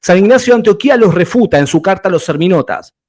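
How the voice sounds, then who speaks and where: A man's voice: high-pitched, animated, fast, a little mellow. A man arguing in a heated theological debate, lecturing insistently and cutting in often.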